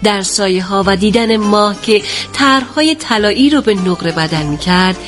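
A woman narrating an audiobook in a steady, even storytelling manner. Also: medium pitch, faint music behind. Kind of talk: audiobook reading.

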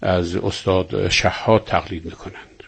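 Man, radio guest, very deep, husky, calm, respectful. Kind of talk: radio conversation.

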